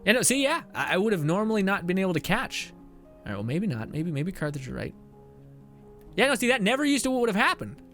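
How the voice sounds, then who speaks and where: Lively, laughing young man streaming a game. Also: high voice, fast, faint music behind. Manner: laughs often, rambling, reads chat aloud. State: out of breath at times. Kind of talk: casual live-stream commentary.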